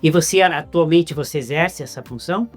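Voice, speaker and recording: A man with a Brazilian Portuguese accent hosts a casual interview, his voice a little high and a little fast with faint music behind. He stammers, often repeating words as he gets going.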